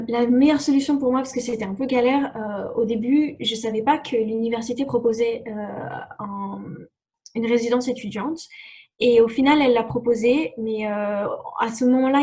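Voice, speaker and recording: A young adult woman, a native English speaker appearing as an exchange student guest, answers interview questions in a casual way full of fillers and restarts. Her voice sits fairly high and has a dark tone.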